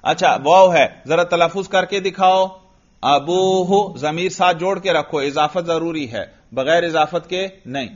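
A man's voice: a little high, few pauses, highs cut off. Man drilling a grammar lesson. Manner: questions students and answers himself, drills step by step. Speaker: Arabic grammar teacher.

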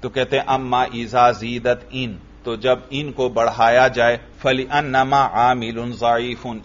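A man with an even, mid-pitched voice gives a classroom grammar lesson, chanting lines of text slowly before explaining them. He keeps turning to his students with quick questions. The recording is dull and lo-fi. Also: a little hiss or hum. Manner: reads Arabic text in a slow chant, then explains it, asking students questions. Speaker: teacher of Arabic grammar.

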